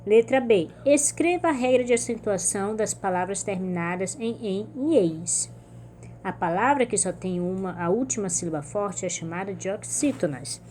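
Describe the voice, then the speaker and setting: A woman's voice: medium pitch, expressive, normal speed, a little mellow, a little hiss or hum. A woman teacher with a Brazilian Portuguese accent, giving a recorded remote lesson to young pupils and patiently explaining step by step. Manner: patient, explains step by step, stresses syllables in example words. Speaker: primary school teacher.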